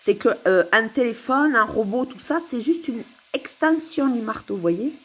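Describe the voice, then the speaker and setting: A woman talks to camera at home in a musing, meandering monologue that keeps circling back on itself. Her voice is somewhat husky and a little high, and it swings widely in pitch as she goes. She giggles now and then, and faint frying sounds sizzle in the background. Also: lively intonation, normal speed, fairly bright tone. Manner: musing, giggly, repeats herself. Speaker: vlogger. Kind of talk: rambling philosophical monologue to camera.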